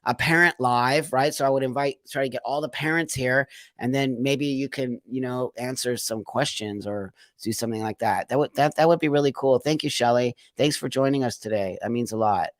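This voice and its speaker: A man's voice: mid-range voice, a little fast, hardly any pauses, no room sound, studio quality. A man hosting a casual live stream, reading out viewer comments and answering them in an emphatic, emotional way, often repeating phrases for stress.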